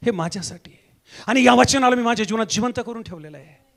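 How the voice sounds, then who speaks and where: A pastor, a man with a strikingly high voice, delivers an impassioned sermon. His calls come in rhythmic repeated phrases, dropping to near hushes and rising to shouts, with a sharp, bright edge to his tone. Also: animated, fast talker, creaky. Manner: impassioned preaching, swinging between hushed and shouted lines.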